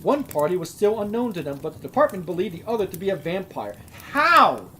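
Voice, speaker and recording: A young woman reads a story aloud for comedy and keeps breaking in with sarcastic, swearing commentary. Her voice sits a little low. Her asides are mocking and exasperated. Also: expressive, fast, darkish tone, a little hiss or hum. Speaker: host reading a story aloud. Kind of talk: comedic live reading with commentary.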